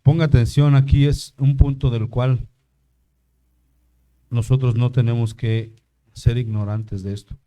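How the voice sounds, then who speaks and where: Older pastor preaching in church, warm dark tone, keeps asking the crowd stuff. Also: male voice, medium pitch, level tone, unhurried, pauses often. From Mexico. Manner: preaches with rhetorical questions to the congregation. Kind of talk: sermon.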